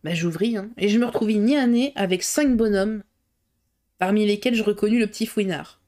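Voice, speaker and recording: A woman's voice: mid-range voice, fairly quick, warm tone, natural voice. Breathless rambling gossip cook, as a woman reader puts her on, chatty and colloquial. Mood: gossipy.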